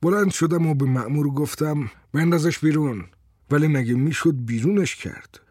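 Male narrator, calm measured storytelling, husky voice, dry close sound. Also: on the high side, no room sound. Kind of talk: dramatic first-person story reading.

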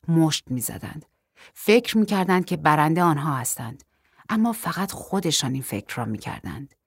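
A woman reads a first-person novel aloud in a measured, even manner. Her voice sits low and husky, recorded close and dry. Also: dry recording. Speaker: audiobook narrator.

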